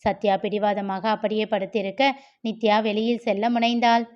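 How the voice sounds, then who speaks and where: A woman reading a novel aloud as storyteller, narrating at a steady, even pace. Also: medium pitch, moderate pace, muffled recording.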